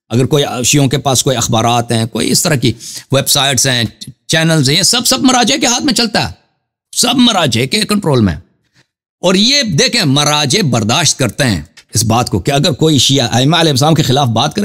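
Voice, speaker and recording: A Shia cleric answering a question gives a fervent religious talk in a fairly high, fairly bright voice. His pitch jumps up and down as he drives each point home. He repeats himself for emphasis and calls out to his listeners as brothers.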